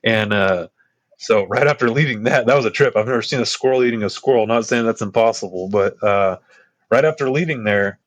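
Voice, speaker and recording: Telling trail stories on a podcast, a deep-voiced Texan rambles casually through fillers and asides. He talks briskly, and the audio has no room sound.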